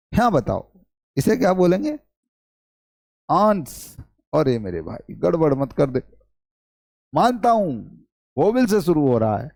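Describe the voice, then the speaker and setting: A man's voice: a little high, gravelly, darkish tone, dry recording, studio quality. A man teaching an English lesson, quizzing students and repeating key points. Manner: repetitive questioning, addresses students as brother. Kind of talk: classroom-style lesson.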